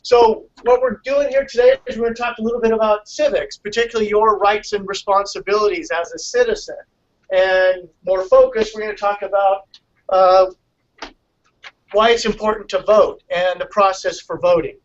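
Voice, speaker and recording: A man with a fairly high voice gives a friendly civics lecture to a room of listeners. He is picked up from across the room, so he sounds distant. The sound is dull and carries a faint hiss. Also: fairly even intonation, normal speed. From California. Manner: friendly, conversational, with restarts. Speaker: attorney teaching a civics class. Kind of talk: classroom lecture.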